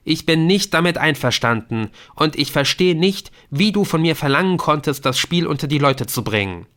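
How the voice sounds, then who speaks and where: Brief: man doing a grieving young son, raised higher and louder than his reading voice, raw and accusing, audiobook. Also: expressive, normal speed.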